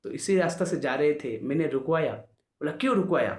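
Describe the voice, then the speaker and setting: A man's voice: a little high, a little fast, darkish tone. A man telling a devotional story sermon in a conversational way, acting out the dialogue. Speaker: religious storyteller. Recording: roomy echo.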